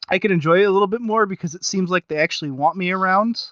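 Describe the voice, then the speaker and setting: This podcast co-host reviewing audio series talks fast in a high-pitched, fairly bright voice, rambling casually and stumbling as he searches for what to say. The sound is dry and lo-fi.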